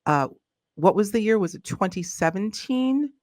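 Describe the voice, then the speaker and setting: A woman's voice: medium pitch, lively intonation, normal speed, darkish tone, no room sound. Probing woman interviewer, close dry sound. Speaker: interviewer, host. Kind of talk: conversational interviewing.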